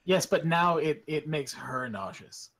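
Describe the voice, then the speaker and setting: A man's voice: on the high side, lively intonation, unhurried, creaky, very noisy. A man chatting casually as a player in a tabletop role-playing game.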